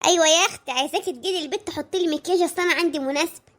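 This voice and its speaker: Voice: very high-pitched, rapid-fire, a bit bright. A performer voicing a spoiled, demanding Egyptian housewife who talks in a whiny, coaxing way.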